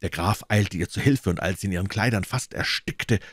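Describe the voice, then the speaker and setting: A man's voice: sits low, a little fast, dry recording, studio quality. A man reading as a brooding, bitter musketeer. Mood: grim, bitter. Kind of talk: audiobook character reading.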